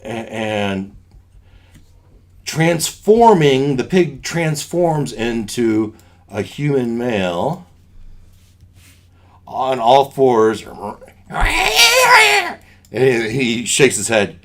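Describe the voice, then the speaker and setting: A man narrating as game master in a live tabletop game, halting and stammering through his descriptions. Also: mid-range voice, very animated, a bit bright. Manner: halting, stammering, many fillers.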